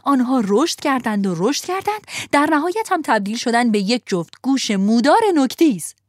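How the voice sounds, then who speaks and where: Woman narrator for a children's story, lively rising and falling delivery, slightly high voice, dry close sound. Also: no room sound. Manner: expressive, animated storytelling.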